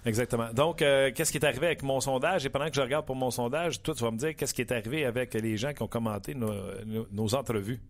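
A man with a Quebec French accent hosting a sports show, chatty and upbeat with drawn-out fillers. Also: medium pitch. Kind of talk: interviewing and chatting.

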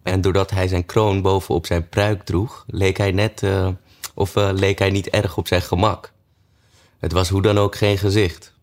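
A man reading a storybook aloud, relaxed and pausing with small hesitations. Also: low-pitched.

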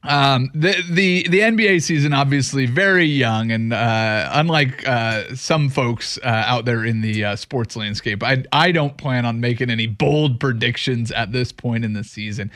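A man's voice: medium pitch, normal speed, few pauses, a bit bright, no room sound. A man hosting casual sports talk in an emphatic, opinionated way on a close studio mic. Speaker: sports radio host. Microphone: close studio microphone.

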